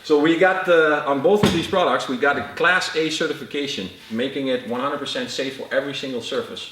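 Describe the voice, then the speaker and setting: A man explains car-care products in technical detail, pausing often with fillers. He sits back from the microphone, and the room adds a clear echo. His pitch sits in the middle range. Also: distant mic, noisy background. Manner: halting, with frequent uh fillers. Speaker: product expert. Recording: roomy echo, off-mic.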